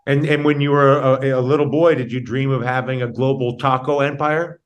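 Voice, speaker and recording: Male interview host, halting and conversational. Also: medium pitch, level tone, muffled recording. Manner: halting, rephrasing questions as he goes. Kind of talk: hosting an interview show.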